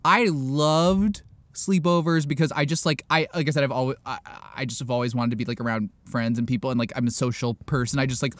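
A man's voice: mid-range voice, fairly even intonation, fairly quick, dry recording. A man in casual chat, telling a long rambling story full of fillers and restarts, acting out the quotes.

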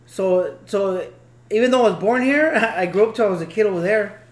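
A man's voice: high voice, a little fast. An easygoing man chats on a podcast, laughing as he talks things through. The recording sounds roomy and echoey. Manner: easygoing, laughing, explains at length. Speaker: podcast co-host. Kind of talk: casual chat.

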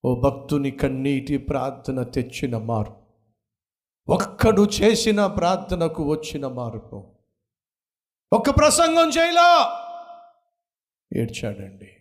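A man preaching a sermon with passion, repeating phrases, rising to loud cries and then dropping to quiet, low lines. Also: animated, a little slow. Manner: impassioned, repetitive, swinging from loud high cries to low hushed drops.

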